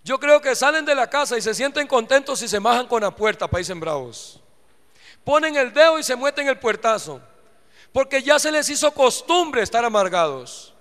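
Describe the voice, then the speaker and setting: High, bright Costa Rican preacher. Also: male voice, very animated, moderate pace. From Costa Rica. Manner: fervent preaching with repeated address to the congregation. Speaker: pastor. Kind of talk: live church sermon. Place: church sanctuary. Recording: reverberant church hall.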